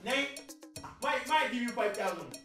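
A man's voice: very high voice, expressive, normal speed, bright, forceful tone. A man with a Nigerian Pidgin accent playing a buyer who bargains and hurries off. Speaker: buyer in skit. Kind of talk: comic skit acting. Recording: echoey and distant with music.

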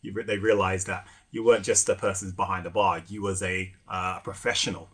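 A middle-aged man telling stories in a relaxed podcast chat, with many fillers and restarts. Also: deep voice, brisk, slightly rough. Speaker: guest, rum ambassador and former bartender. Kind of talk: casual podcast conversation.

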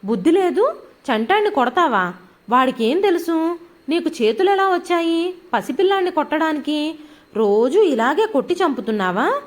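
A fiercely protective young mother, read by a woman narrator shouts in indignation, high and loud. Her voice climbs steeply and swings sharply. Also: sing-song, moderate pace. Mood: outraged.

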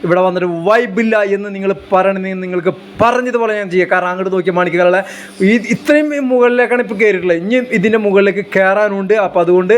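High-voiced Malabar man, enthusiastic travel vlogging. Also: steady tone, quick pace, a little hiss or hum. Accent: northern Kerala (Malabar) Malayalam. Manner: enthusiastic, repeats a catchphrase; mixes English words into Malayalam. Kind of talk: casual vlog narration. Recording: music under the voice.

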